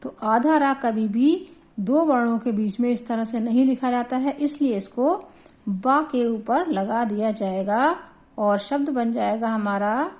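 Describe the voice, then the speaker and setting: A woman teaching a Hindi grammar lesson, explaining slowly and deliberately and spelling out syllables for her students. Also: a little high, a little mellow.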